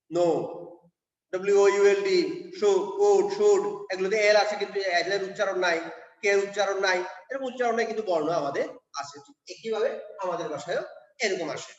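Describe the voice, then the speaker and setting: A man with a high voice teaches pronunciation, explaining each rule step by step and pausing to check that his listeners follow. The recording is dull and lo-fi, with a long, heavy echo from a large hall. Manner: explains step by step, checks in with "কেমন?" and "ঠিক আছে?". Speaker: Bengali language teacher. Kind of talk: classroom pronunciation lesson. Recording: echoey hall, dull lo-fi sound.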